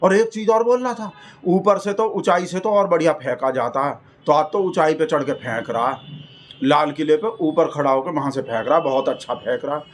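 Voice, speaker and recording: A man's voice: on the high side, moderate pace, slight background noise. A man delivering a rambling, folksy satirical comedy monologue. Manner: folksy, rambling, keeps addressing the listener as brother. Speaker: comic persona host.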